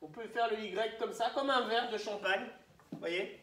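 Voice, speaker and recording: A man's voice: high-pitched, pushed and bright. Guy teaching little kids, asks lots of questions, sounds a bit far off in a roomy classroom. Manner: questioning, prompting pupils to answer; spells out syllables slowly. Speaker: primary school teacher. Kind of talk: teaching a class of young children. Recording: roomy echo, voice from the mic.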